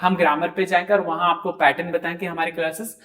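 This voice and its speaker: A man teaching French pronunciation in an online lesson, repeating each word slowly and checking in often. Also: on the high side, flat delivery, pushed and bright, reverberant. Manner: repeats words slowly, frequent "ठीक है".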